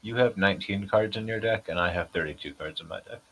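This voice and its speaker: A man's voice: lowish voice, fast, fairly bright tone, husky, poor audio. A man with a New England accent, playing a card game and chatting casually, laid-back with dry jokes.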